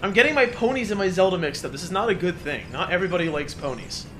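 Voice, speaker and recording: With video game music in the background, a man with a high, fast voice plays a game with a friend as a let's play host. His commentary is casual and animated, full of jokes, mock voices and sung sound effects.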